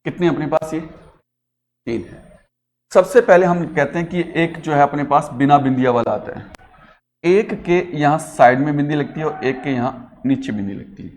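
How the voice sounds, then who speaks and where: A man's voice: a little high, normal speed, a little mellow, slight background noise. Hindi teacher quizzing his class. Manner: explains step by step with frequent quiz questions. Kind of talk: classroom lecture.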